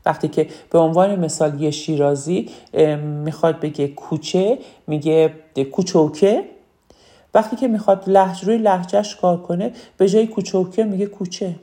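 Woman speaking coach, low and mellow, earnest, repeats points for emphasis. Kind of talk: instructional talk on public speaking.

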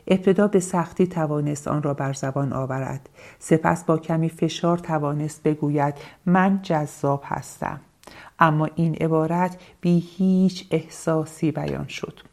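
Low-voiced woman reading calmly. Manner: calm, measured reading with repeated phrases for emphasis. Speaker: speaker addressing listeners. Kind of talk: reading a self-help passage aloud, then explaining it.

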